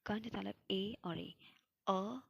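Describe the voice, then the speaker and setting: A woman's voice: medium pitch, slow pace, gravelly, a little hiss or hum. A young woman teaching Hindi grammar for an exam, explaining step by step and answering her own questions. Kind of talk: classroom lecture.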